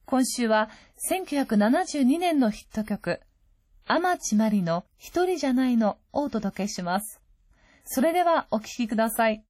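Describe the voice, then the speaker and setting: A woman announcer reads her scripted links with polite formality and a slightly raised pitch. Her voice sits close and dry, with no room sound around it, as in a radio studio. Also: expressive, measured pace, darkish tone, dry recording.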